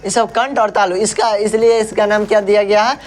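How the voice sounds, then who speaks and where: A man's voice: high voice, flat delivery, fairly quick. A male teacher giving an exam-prep grammar lesson, saying sounds aloud and asking and answering his own questions.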